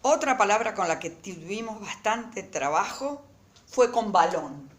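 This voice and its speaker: A woman teacher giving a recorded lesson to her students, speaking slowly and emphatically and repeating words syllable by syllable. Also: mid-range voice, expressive, roomy sound.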